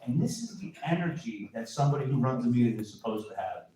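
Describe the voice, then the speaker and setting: A man's voice: medium pitch, animated, fast, warm tone, a little hiss or hum. A man speaking during public comment at a town council meeting, praising the officials in a needling, sarcastic way. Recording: echoey council chamber, voice from far off the mic.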